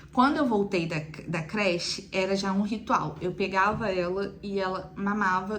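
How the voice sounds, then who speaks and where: Young mom for a casual vlog: chatty, mid-range voice, slight room noise. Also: female voice, mid-range voice. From Brazil. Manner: chatty, frequent "né" asides. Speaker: mother telling her weaning story. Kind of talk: casual chat to viewers.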